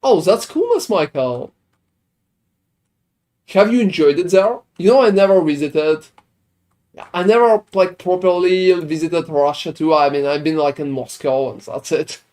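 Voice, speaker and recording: This Swedish streamer has a darkish voice on the high side and keeps a measured pace. While playing a video game, he casually rambles and swears in reply to viewers' questions.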